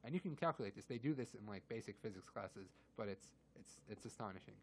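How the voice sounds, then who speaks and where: A man's voice: lowish voice, expressive, fast talker, slight background noise. A man co-hosting a casual radio show, explaining physics through everyday analogies and laughing often.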